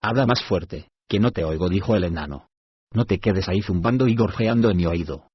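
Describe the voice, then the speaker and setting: A man playing a grumpy, half-deaf old male dwarf regent who gruffly mishears everything, in a storybook reading. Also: low-pitched, fairly quick, no echo, muffled recording. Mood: irritable.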